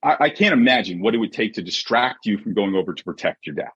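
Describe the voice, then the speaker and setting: A sports mindset coach and author, guesting on a podcast, delivers animated, conversational motivational coaching in a very husky, lowish voice. He talks fast and emphatically, peppering his points with rhetorical check-in questions. The audio has no echo but is dull, muffled and lo-fi.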